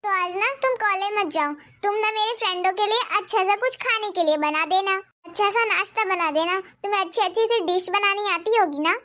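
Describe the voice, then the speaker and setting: A woman's voice: very high voice, a little fast, few pauses, pushed and bright. Woman voicing a bossy spoiled young wife. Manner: bossy, coaxing, boastful. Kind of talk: Hindi cartoon dub.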